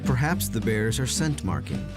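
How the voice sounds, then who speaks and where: A man's voice: on the low side, very animated, moderate pace. A man reading scripted narration for a nature documentary. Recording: loud music behind narration. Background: music.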